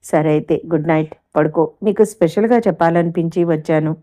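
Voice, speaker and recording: A woman's voice: low-pitched, a little fast, dark tone, natural voice. A woman voicing a tender, teasing young boss. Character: affectionate young man, gentle boss and suitor.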